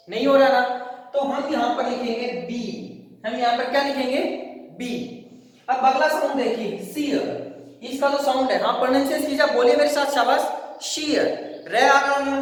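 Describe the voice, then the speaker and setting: A male teacher lecturing a class on a poem. He repeats points, has pupils say words after him, and reads English lines slowly. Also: very high-pitched. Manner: repetitive, asks pupils to repeat after him, calls them friends. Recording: echoey hall, far from the mic.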